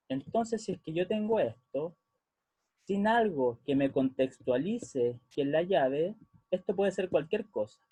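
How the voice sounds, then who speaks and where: A music teacher patiently explains theory during a lesson, often checking that listeners follow with a frequent "¿ya?". His voice is on the high side, dark and slightly rough, with no room sound.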